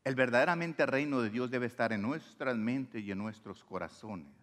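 A man's voice: mid-range voice, normal speed. A man from Mexico with a Mexican Spanish accent, preaching a sermon and acting out the voices he quotes. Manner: animated, acts out quoted voices.

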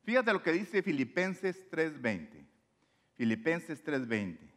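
A man's voice: fairly high pitch, takes it slowly. A man from Mexico with a Mexican Spanish accent, preaching a sermon and acting out the voices he quotes. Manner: animated, acts out quoted voices.

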